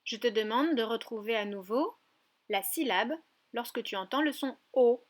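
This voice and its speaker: A woman teacher giving a recorded lesson to young children, speaking slowly and clearly and addressing the child directly. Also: on the high side. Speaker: preschool teacher.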